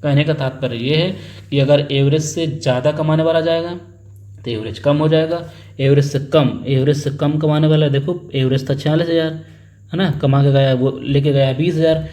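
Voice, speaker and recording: A man's voice: on the high side, fairly even intonation, normal speed, warm tone. A young man teaching an exam-prep maths lesson, working sums aloud, repeating figures and prompting his students to answer. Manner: acts out family members in a little story.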